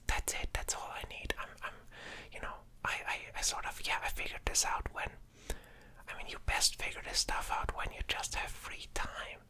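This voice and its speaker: A person speaking in a breathy whisper in a casual ASMR ramble, sounding sleep-deprived and hesitant, often trailing off and starting thoughts again. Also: pushed and bright. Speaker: ASMR creator.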